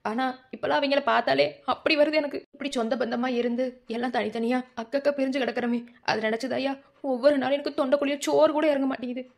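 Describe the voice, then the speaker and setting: A woman's voice: high voice, gravelly. A woman voicing an older village grandmother in a cartoon, pleading with her family in a Madurai Tamil accent. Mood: sorrowful. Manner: earnest, pleading family advice.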